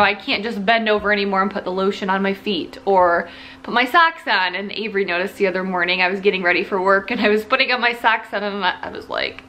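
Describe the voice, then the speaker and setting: With a medium-pitched voice that sounds pushed and bright, a young Ohio vlogger rambles casually through an update, restarting sentences and laughing a bit. There's slight background noise.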